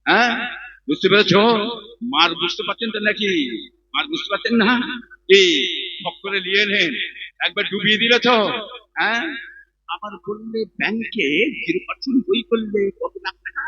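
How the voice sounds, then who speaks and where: Hoarse, high, sharp-voiced Bengali preacher man. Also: normal speed, long pauses, muffled recording. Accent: West Bengal Bengali. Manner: rousing, asks the crowd questions. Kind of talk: political speech at a religious gathering.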